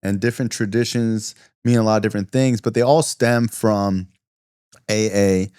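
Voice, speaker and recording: A man's voice: lowish voice, steady tone, normal speed, darkish tone, clear, resonant tone, no room sound, studio quality. A man from South Florida, a guest on a podcast, talking loosely in casual conversation with lots of fillers and asides. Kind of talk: casual interview talk.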